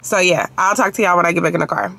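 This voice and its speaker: A woman's voice: fairly low pitch, steady tone, rapid-fire, creaky, noisy background. A woman in her thirties chatting casually to her viewers while driving, talking through her errands and day. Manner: chatty, talks to viewers as "y'all". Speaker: vlogger. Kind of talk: casual vlog chat. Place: in a car.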